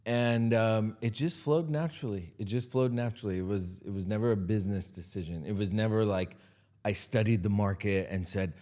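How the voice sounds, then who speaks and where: A man, a company CEO chatting as an interview guest in a relaxed way, repeating phrases and using many fillers. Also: on the low side, brisk. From Los Angeles, United States. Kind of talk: conversational interview.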